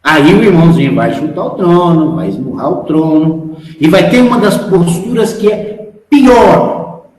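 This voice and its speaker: Brazilian guy preaching to his followers, higher voice that swings up and down a lot, very frank. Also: expressive, measured pace, a little mellow. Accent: Brazilian Portuguese. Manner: frank, emphatic, asks the audience rhetorical questions. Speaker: spiritual instructor. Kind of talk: spiritual lecture to followers. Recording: echoey hall, long reverb.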